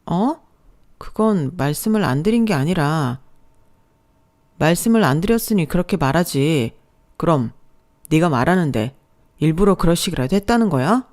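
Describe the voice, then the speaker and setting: A narrator voicing a young husband who is touchy and speaks in a resentful, accusing way. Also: male voice, on the high side, animated, moderate pace, long pauses, darkish tone, lightly acted. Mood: angry.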